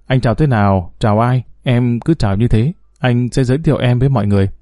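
A man voicing a brash middle-aged gangster who coaxes his mistress in a brisk, reassuring way, in an audio story. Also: mid-range voice, mellow, no room sound, studio quality, natural voice. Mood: coaxing.

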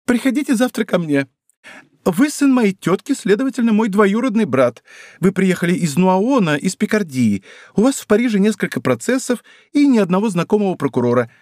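A man's voice: sing-song, brisk, a little mellow, no echo, studio quality. A man voicing a miserly, lovestruck middle-aged prosecutor's wife who pleads and scolds. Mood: eager. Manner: pleading, shrill, emotional.

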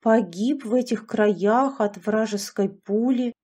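A woman's voice: on the high side, slow pace, darkish tone. A woman voicing a brash, outspoken young woman teacher with blunt, exclamatory lines. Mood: puzzled.

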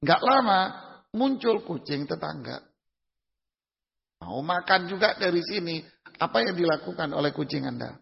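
Male preacher, high-pitched and a little gravelly, casual question-and-answer lecture, dull recording in a hall with long reverb. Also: expressive, moderate pace, pauses often. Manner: asks the audience questions and answers them himself; uses everyday examples in casual speech. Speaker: Islamic preacher. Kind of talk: conversational religious lecture.

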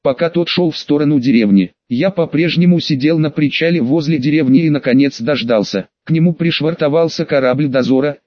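A man reads a first-person adventure audiobook in a cool, matter-of-fact way. His voice sits slightly high for a man. The recording is dull and very dry. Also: brisk, few pauses, dry recording. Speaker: audiobook narrator.

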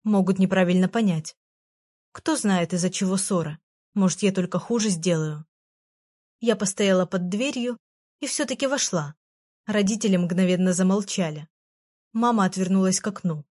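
A woman reading an audiobook aloud, narrating in the first person in a plain, even voice with a wry, sighing tone. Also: medium pitch, normal speed.

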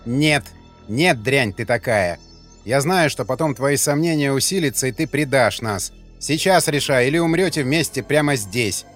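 A man voicing a cruel female leader of warrior women, speaking in an eerily calm, menacing way over faint music. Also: mid-range voice, moderate pace. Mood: contemptuous.

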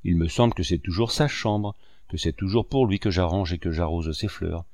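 A spirited young woman who scolds and pleads with insistent questions, as a male audiobook reader puts her on. The reader's own low voice stays underneath, close and dry. She stays affectionate beneath the reproach. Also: normal speed, darkish tone, no room sound. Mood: reproachful. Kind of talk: audiobook reading.

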